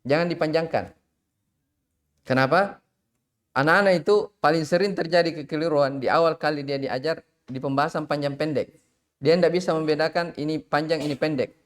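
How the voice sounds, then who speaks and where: A man teaching tajwid in a live online class, drilling Arabic syllables slowly and calling on students to recite. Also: fairly high pitch, fairly even intonation. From Indonesia.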